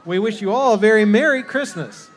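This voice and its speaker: A man with a strikingly high voice hosts a live parade. He addresses the crowd in a folksy announcing style. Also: animated, brisk. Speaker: parade announcer, master of ceremonies.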